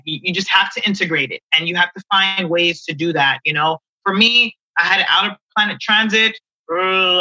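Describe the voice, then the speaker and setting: A woman astrologer talking through client stories in a relaxed podcast conversation, filling her speech with "you know". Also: lowish voice, no echo, low-quality recording. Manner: chatty, frequent "you know" fillers.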